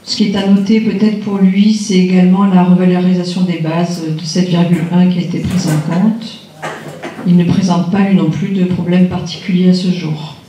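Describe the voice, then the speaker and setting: In a large municipal function hall, a man whose voice sits high yet has a dark tone reads out budget figures at a council meeting, level in tone and at normal speed. His delivery is matter-of-fact, with some hesitations over the numbers. The sound is echoey from a distant mic, with a little hiss or hum.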